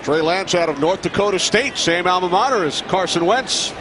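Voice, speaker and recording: A man's voice: high-pitched, expressive, normal speed. A man doing live commentary on an American football game. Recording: very noisy broadcast clip.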